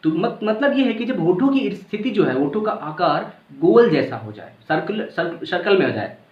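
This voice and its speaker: A man's voice: high-pitched, big pitch swings, normal speed. Guy teaching a grammar class, voice goes up and down a lot, sounds vowels out, kinda echoey and muffled. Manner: casual, repeats points, checks understanding. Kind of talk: grammar lesson. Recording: echoey room, dull lo-fi sound.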